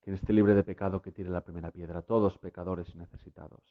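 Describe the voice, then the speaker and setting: Guy preaching a sermon, deepish voice, gets all fired up on the refrains, sounds thin like a phone. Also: fairly even intonation, fast, narrow, tinny audio. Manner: emphatic preaching with repeated refrains, rising to impassioned peaks. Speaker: lay preacher. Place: streamed to listeners at home.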